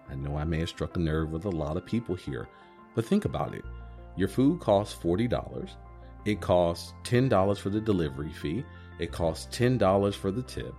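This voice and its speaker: A man's voice: low-pitched, mellow. A man hosting a podcast as a financial advisor, explaining things directly to the listener in semi-scripted talk.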